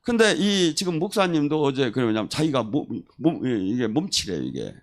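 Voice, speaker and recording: Animated male preacher telling stories. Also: medium pitch, normal speed. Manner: animated storyteller who acts out quoted voices. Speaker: pastor. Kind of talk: sermon with testimony stories.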